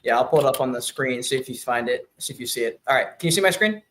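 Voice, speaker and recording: A man hosting a live online talk, easygoing and quick with short affirmations. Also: medium pitch, animated, fairly bright tone. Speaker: podcast host. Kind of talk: casual live chat.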